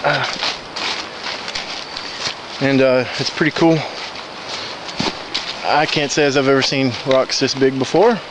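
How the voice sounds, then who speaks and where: A man with a mid-pitched voice talks casually to his audience as he hikes. His narration is unscripted and plain, like a trail diary. Clear outdoor noise from a stream runs behind him. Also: fairly even intonation, slow, long pauses. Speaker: hiking vlogger. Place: outdoors on a rocky riverside woodland trail. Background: stream and natural ambience.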